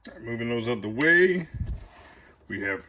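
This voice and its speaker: A man's voice: medium pitch, animated, normal speed, pushed and bright, slight background noise. A man giving a casual, rambling tour of his movie collection, with audible heavy breathing. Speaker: video collector showing his shelves.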